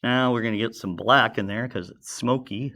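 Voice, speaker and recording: Bright-voiced chatty male teacher. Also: mid-range voice, normal speed. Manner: chatty, asks students questions, talks to himself while drawing. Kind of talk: classroom science lesson, drawing while explaining.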